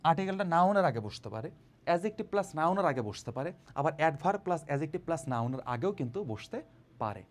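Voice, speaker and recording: A man teaching an online English grammar lesson, asking his own questions and answering them, reading example sentences slowly and deliberately. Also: fairly high pitch, lively intonation. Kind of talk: online exam-prep lesson.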